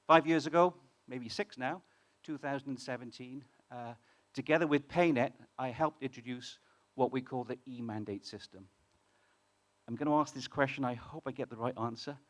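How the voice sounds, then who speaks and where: Here a mid-pitched male fintech founder from the UK addresses a live conference audience at a normal speed. He is conversational, frequently restarts phrases, and asks the crowd questions from the stage of a conference hall.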